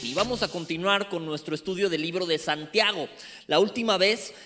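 A man's voice: high voice, normal speed, music in the background. A man preaching a sermon and teaching a Bible study, with playful asides to the congregation.

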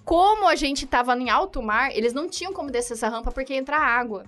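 A woman's voice: sits high, animated, fast, fairly bright tone, faint music behind. A Brazilian woman tells a travel story in casual conversation. She laughs often, acts out dialogue and keeps checking in with tag questions. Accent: Brazilian Portuguese. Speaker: guest telling a travel story.

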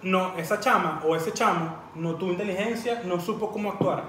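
Man, high voice, emphatic slangy chat, echoey room. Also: brisk, pushed and bright. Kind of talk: casual chat. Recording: echoey room, far from mic, faint noise.

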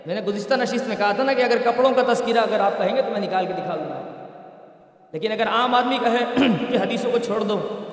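Male preacher, lively storytelling delivery; long reverb of a big hall. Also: high-pitched. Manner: storytelling, rhetorical questions, animated teaching. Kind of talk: sermon. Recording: echoey hall, voice from far off.

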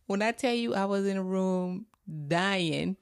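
On her podcast, a woman in her thirties who is a mother tells a family story in a casual, chatty monologue, stopping to ask listeners questions. Her medium-pitched voice is smooth and a little slow, recorded dry at studio quality.

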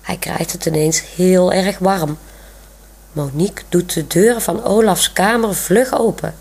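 A woman's voice: fairly low pitch, measured pace, gravelly, darkish tone, husky. A woman reading a children's book chapter aloud on a radio show. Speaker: radio reader.

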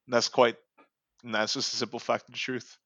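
Talking a little fast with a flat delivery, a man of medium pitch and fairly bright tone co-hosts a casual sports podcast. He rambles, using many fillers and restarts, and his home podcast mic picks up no echo.

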